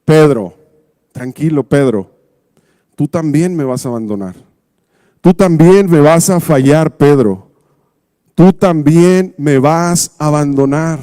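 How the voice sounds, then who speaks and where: A man voicing a calm, tender Jesus. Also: sits high, no room sound, clean studio sound. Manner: soft, slow and reassuring.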